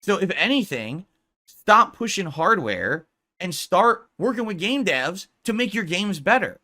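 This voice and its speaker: A man's voice: high voice, sing-song, unhurried, sharp tone. A man ranting sarcastically over gameplay, mocking and blunt, swearing in exasperation. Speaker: gaming commentator.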